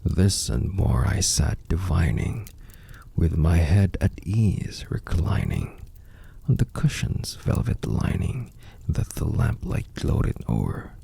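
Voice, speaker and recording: A man giving a dramatic, brooding recitation of gothic poetry in a gravelly, breathy rasp, drawing out words theatrically. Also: low voice, very animated, takes it slowly, mellow. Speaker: poetry reader.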